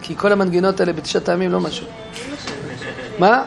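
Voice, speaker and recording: A man teaching a Bible class in an animated way, questioning his listeners and acting out quotes. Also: high voice, vocal fry, over music. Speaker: Torah teacher. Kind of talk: lively Bible class lecture.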